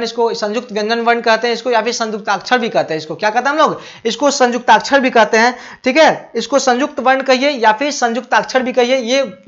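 This board exam grammar lesson comes from a male teacher whose voice is extremely high and a bit bright, captured in muffled, lo-fi sound. He repeatedly asks and answers his own questions, calls students affectionately, and checks their understanding often.

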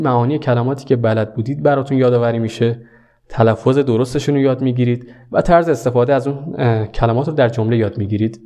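A young man teaching a video lesson, talking directly and warmly to his viewers. His voice is mellow and relaxed, sitting at an ordinary middle pitch. He stays earnest and friendly throughout. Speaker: English teacher.

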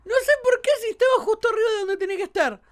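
A woman with an Argentine accent, a gaming YouTuber doing let's play commentary, excitable, often shrieking and laughing, with a sore throat. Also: very high voice, very fast. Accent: Argentine Spanish.

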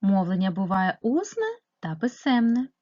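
Female primary teacher, patient and questioning, breathy voice, muffled recording. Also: medium pitch, very animated, moderate pace, mellow. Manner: patient, questioning, explaining step by step. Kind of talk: remote lesson narration.

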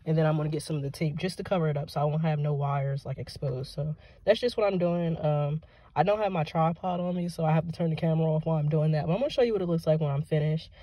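Speaking fast in a low, warm voice, a young adult American vlogger films herself on a handheld phone around a parked car. She thinks aloud informally in a DIY chat, and the recording is dry.

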